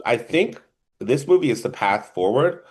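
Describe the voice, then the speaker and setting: A man's voice: medium pitch, lively intonation, normal speed, darkish tone. A man with a New Jersey accent co-hosting a casual film review podcast, rambling in a stop-and-start way. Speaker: podcast co-host.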